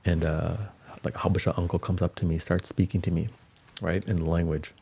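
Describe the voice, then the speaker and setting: Deep gravelly laid-back male stream host. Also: little pitch movement, brisk, a little mellow, a little hiss or hum. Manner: laid-back, slangy, chatty. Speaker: livestream music host. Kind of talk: casual livestream chat over music. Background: music playing.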